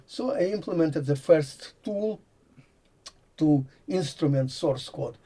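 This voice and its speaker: Taking his time, a Latvian-accented older professor of computer science talks as a guest in a warm, slightly rough voice that sits a little high and rises and falls expressively. He works through ideas aloud in conversation, regularly dropping articles.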